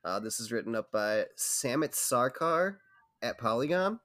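A man's voice: medium pitch, lively intonation, a little slow, fairly bright tone. A man hosting a gaming news podcast, upbeat, reading out stories and laughing often. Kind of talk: casual chat.

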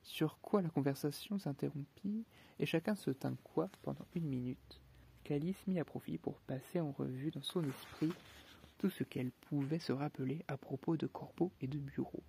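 A man narrating a storybook in a steady, measured reading. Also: a little high, vocal fry, slight background noise. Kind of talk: audiobook narration.

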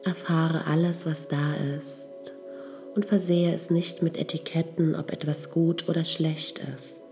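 A woman leading a guided meditation, giving soft, calm instructions. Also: sits low, a little slow, over music.

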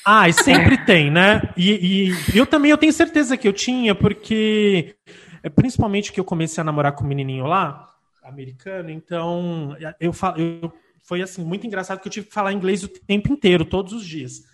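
Bright-voiced Brazilian woman, slangy. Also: mid-range voice, fairly quick. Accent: Brazilian Portuguese. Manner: slangy, laughing anecdotes. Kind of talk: casual chat.

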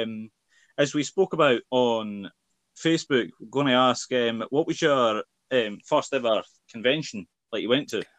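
A man's voice: medium pitch, a bit bright, dry recording. A man with a strong Scottish accent chatting casually and jokily as a podcast host, rambling a little as he goes. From Scotland. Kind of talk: casual interview chat.

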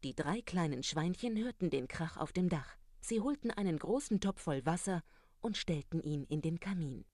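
A storyteller reading a fairy tale aloud in a calm, even manner. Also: mid-range voice, moderate pace, no room sound, clean studio sound.

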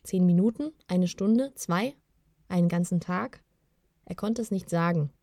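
Low-voiced woman reading a storybook. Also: a little slow, dark tone, no room sound, clean studio sound. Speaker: audiobook narrator. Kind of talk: scripted storybook narration.

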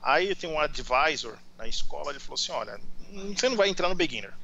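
A man's voice: fairly high pitch, lively intonation, quick pace, vocal fry, sharp tone, muffled recording, a little hiss or hum. A Brazilian man in his forties with a São Paulo accent, chatting casually as an interview guest and telling stories. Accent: São Paulo Portuguese. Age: 40s. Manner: chatty storyteller.

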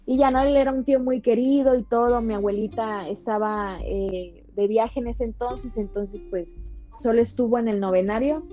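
A young woman, a podcast guest telling a personal story in an animated way, full of "o sea" and "¿no?". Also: on the high side, moderate pace, lo-fi sound, soft background music. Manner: animated, fills talk with "o sea" and "¿no?". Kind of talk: casual storytelling.

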